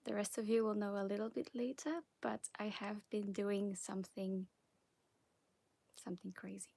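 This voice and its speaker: A young woman from Belgium with a Flemish accent, hosting a live question-and-answer stream, talking softly and often whispering, a little nervous. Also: medium pitch, fairly even intonation, moderate pace, gravelly, breathy edge, no room sound. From Belgium (Flanders). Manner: soft, partly whispered chat, nervous and giggly. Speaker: ASMR creator. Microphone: phone on a wobbly stand.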